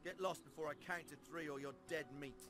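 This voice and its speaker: A man's voice: fairly high pitch, fairly even intonation, fairly quick, close to an everyday voice. An actor playing a rude male guard who gives curt, contemptuous warnings, heard as game audio.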